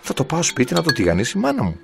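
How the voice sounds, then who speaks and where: A man's voice: mid-range voice, wildly swooping pitch, creaky, soft background music, voice pushed up. A man voicing a naive young boy who fishes and calls out eagerly to the sea. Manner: eager, calling out.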